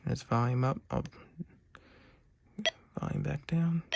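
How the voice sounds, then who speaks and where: A man speaking slowly in a mid-range voice, with the highs cut off, offers a casual, unscripted product review from a desk indoors. He rambles and hesitates, and the homemade video has clear background noise.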